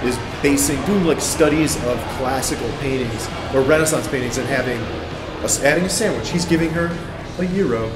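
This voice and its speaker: A man's voice: medium pitch, fairly quick. A man in his forties, a guest artist, talking about his work in a rambling, hesitant way full of fillers, recorded in a restaurant. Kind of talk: casual conversation. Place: restaurant dining room with brick walls. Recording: echoey room with loud music behind.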